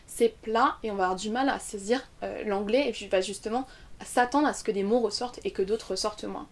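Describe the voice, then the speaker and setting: Teaching English pronunciation online, a young French woman lays out her points clearly and slows down on each example word. Her pitch is medium.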